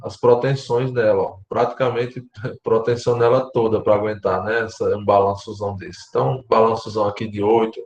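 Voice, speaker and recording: A Brazilian man lecturing architecture students online, explaining step by step and often checking in with his class, his voice going hoarse. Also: fairly low pitch, level tone, brisk, a little mellow, reverberant, highs cut off. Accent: Brazilian Portuguese. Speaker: university lecturer.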